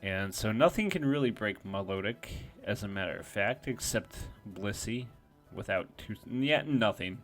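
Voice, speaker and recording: Man, lowish voice, casual match commentator, self-mocking asides, faint music underneath. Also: lively intonation, unhurried, hardly any pauses. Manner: self-deprecating, thinks aloud, frequent restarts. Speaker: game commentator.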